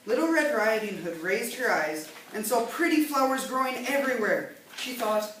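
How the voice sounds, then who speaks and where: A woman narrating a fairy tale aloud in an expressive storytelling manner. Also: on the high side, normal speed. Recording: echoey room, mic far off, faint hiss.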